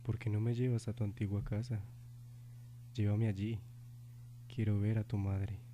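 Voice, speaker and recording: A man plays a sinister old ghost in a radio drama, lowish in pitch. He taunts slowly and theatrically like an old-fashioned villain. There is some hum and noise on the recording. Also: level tone, warm tone, dull audio, lightly acted. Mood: coaxing menace.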